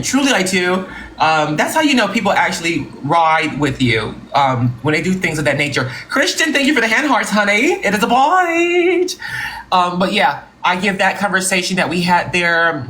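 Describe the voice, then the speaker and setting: A live-stream host playing a company boss in improvised comedy, talking in a mock-formal, drawn-out way. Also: medium pitch, fairly bright tone, a little hiss or hum. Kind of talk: improvised comedy role-play with callers.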